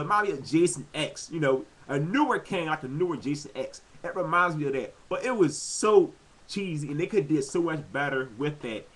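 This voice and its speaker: An animated man talks through his take on a wrestling episode in a casual, off-the-cuff vlog. His voice sits a little on the high side for a man, and he keeps breaking into excited exclamations. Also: low-quality recording. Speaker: wrestling fan vlogger. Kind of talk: casual commentary.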